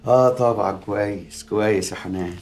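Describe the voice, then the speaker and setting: A man's voice: fairly low pitch, brisk, a little mellow, faint music behind, close to an everyday voice. An actor with an Egyptian accent playing a pious-talking, scheming middle-aged man who threatens his ex-lover in a film drama. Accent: Egyptian Arabic. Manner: sanctimonious, menacing, full of religious phrases.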